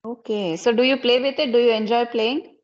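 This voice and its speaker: A Kannada-speaking woman from Karnataka in her thirties leads patient English conversation practice in an Indian accent, asking many simple questions one at a time. Her voice is a little high and steady, a little fast, and the recording sounds muffled.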